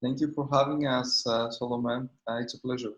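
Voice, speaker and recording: Greek guy, 30s, flat steady voice, lots of uhs, kinda echoey room. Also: mid-range voice, moderate pace, muffled recording. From Greece. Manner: hesitant, many "uh" fillers. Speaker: startup founder and CEO. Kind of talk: conference interview.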